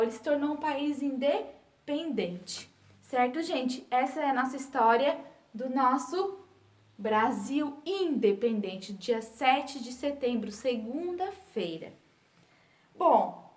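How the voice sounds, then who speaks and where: A woman schoolteacher talks to small children in a high, bright voice, slow and sing-song, stretching her words out. Her voice rings in an echoey small room. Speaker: primary school teacher. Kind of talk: recorded remote lesson for young children.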